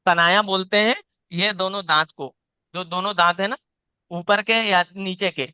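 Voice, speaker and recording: Bright, clear-voiced male Quran teacher. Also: sits high, steady tone, normal speed, no room sound. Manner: patient, repeats points, demonstrates each sound aloud. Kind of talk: live online class, teaching letter sounds. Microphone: video call.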